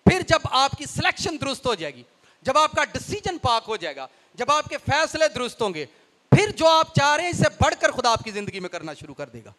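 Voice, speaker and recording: A pastor with a Punjabi accent preaching a lively sermon, dropping into folksy Punjabi asides. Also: male voice, very high-pitched, brisk. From Pakistan.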